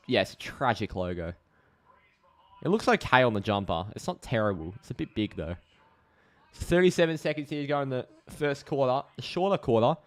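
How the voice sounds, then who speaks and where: An Australian man calling a football match for his live stream audience in a relaxed, chatty way. His voice is smooth and clear at a middling pitch, and he gets excitable over the play. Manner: excitable play-by-play, chats with viewers, swears when frustrated. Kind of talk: casual live match commentary.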